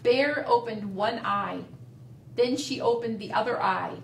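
A woman librarian reading a storybook aloud to children, gentle and expressive, in a library. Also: a little high, measured pace, vocal fry, a little hiss or hum. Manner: sing-song, gentle, expressive. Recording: roomy, distant mic.

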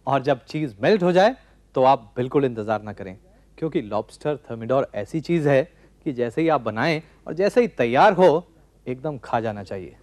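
Calm man demonstrating a recipe. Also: mid-range voice, no room sound. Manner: calm step-by-step instructing. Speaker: TV cooking show host. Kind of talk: cooking demonstration. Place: studio TV kitchen set.

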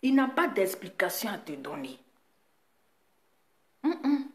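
A woman's voice: medium pitch, sing-song, slow pace. A woman giving a ranting live commentary indoors, scolding and firing off repeated rhetorical questions. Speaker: online commentator. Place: indoors in a residence. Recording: echoey room.

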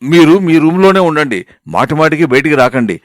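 A man's voice: on the high side, big pitch swings, brisk, no room sound, clean studio sound. A man voicing a fussing middle-aged wife who scolds and bosses her husband. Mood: scolding. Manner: scolding, nagging.

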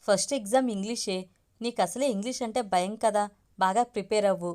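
A woman's voice: mid-range voice, fairly quick, a little mellow, close to an everyday voice. A woman as a reassuring college friend. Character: encouraging young college girl friend.

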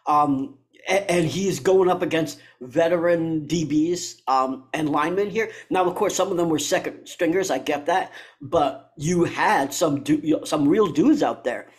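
A man with a raised, fairly high voice argues football on a casual podcast. He is blunt and profane, and he cuts in to make his case. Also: unhurried. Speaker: podcast co-host. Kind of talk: casual sports podcast chat.

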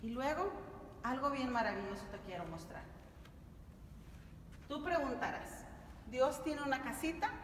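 Her voice sits high with lively intonation, at a measured pace with frequent pauses. The middle-aged woman is a catechism teacher giving families a didactic lesson full of check-in questions, filmed by a camera a few steps away in a noisy, echoing stone church.

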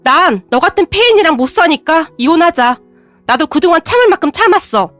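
A woman's voice: high voice, very animated, brisk, fairly bright tone, dry recording, soft background music. A woman reading a furious, snapping young wife. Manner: snapping, lashing out.

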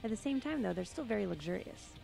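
A woman's voice: mid-range voice, animated, fast talker, vocal fry, mellow, soft background music. A young woman hosting outdoors at a race track, speaking energetically into a handheld mic. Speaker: host. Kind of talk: upbeat presenting and interviewing.

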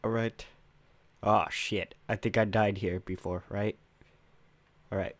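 Young guy raging at a game, slow drawl, dry close sound, voice cracks up high when he messes up. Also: fairly even intonation, no room sound. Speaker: gamer. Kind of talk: Minecraft parkour gameplay commentary.

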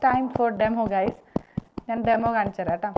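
Young woman, fairly high voice, casual chatty mother, home vlog, indoors. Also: a little slow, muffled recording, background noise. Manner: chatty, coaxing a crying baby in sing-song. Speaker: vlogger, mother. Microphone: camera operated by someone else.

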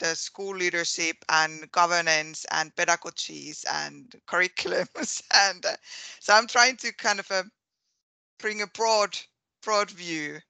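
Woman, Finnish accent, bright voice, dry close sound, hesitant with fillers, headset on a video call. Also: lowish voice, gravelly, clear, resonant tone, no echo. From Finland. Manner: hesitant, many fillers and restarts. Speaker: education specialist. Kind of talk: introducing herself in an online meeting.

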